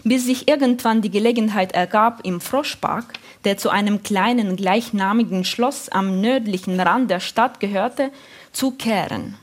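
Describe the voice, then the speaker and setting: A woman narrating a literary story in a calm, measured reading. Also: mid-range voice. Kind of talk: audiobook reading.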